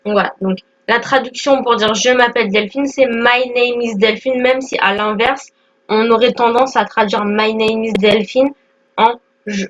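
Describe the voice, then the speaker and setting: A young woman in her twenties walks learners through the basics in a casual lesson, pausing on fillers and checking in often. Her voice sits a little high. The recording sounds dull and lo-fi. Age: 20s. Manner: explains step by step with many fillers and "d'accord?". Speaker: English teacher.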